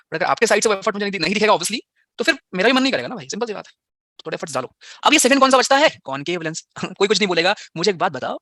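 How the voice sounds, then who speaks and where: A man's voice: sits high, sing-song, racing, pushed and bright, no echo, studio quality. A slightly unwell man teaching a physics class online, firing rhetorical questions at his students and mixing English into his talk.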